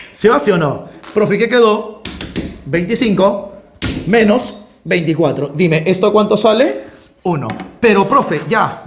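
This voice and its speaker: A man teaching math in a lively, joking, coaxing way. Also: sits high, slight background noise. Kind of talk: animated math lesson.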